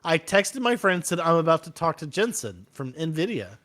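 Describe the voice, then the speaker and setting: A man's voice: fairly high pitch, big pitch swings, moderate pace, a bit bright. A man acting as a prank caller, pestering and repeating his questions insistently in improvised comedy banter.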